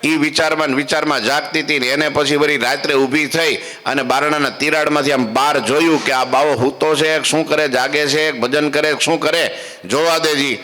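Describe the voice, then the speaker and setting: Male devotional storyteller, bright and animated, acts out the characters, long hall reverb. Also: on the high side, moderate pace. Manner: lively storyteller who acts out characters and asks rhetorical questions.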